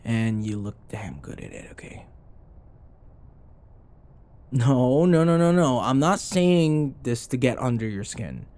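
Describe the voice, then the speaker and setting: A man voices a young office rival in an intimate ASMR boyfriend roleplay, teasing yet flustered and reluctant, with halting speech that sometimes drops into breathy murmurs and sighs. His voice is medium-pitched and a little mellow.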